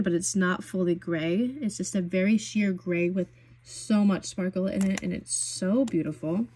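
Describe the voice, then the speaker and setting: A young woman chats casually as she swatches makeup, gushing and enthusiastic with plenty of fillers. Her voice has a soft, breathy edge, and her pitch sits in an ordinary middle range. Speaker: beauty vlogger. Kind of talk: casual product swatching chat.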